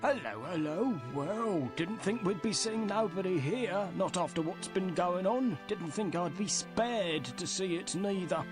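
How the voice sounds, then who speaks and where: A man's voice: high-pitched, lively intonation, a little slow, hardly any pauses, music in the background. A man playing a gloomy, folksy lift attendant in a video game, resigned and rambling. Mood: resigned, dutiful. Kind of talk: video game character acting.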